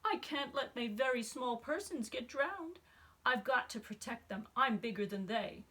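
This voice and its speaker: A woman voicing a big, gentle, loyal elephant in a storybook, earnest and protective in manner. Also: on the high side, expressive, moderate pace, breathy edge, full character voice. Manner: earnest, pleading.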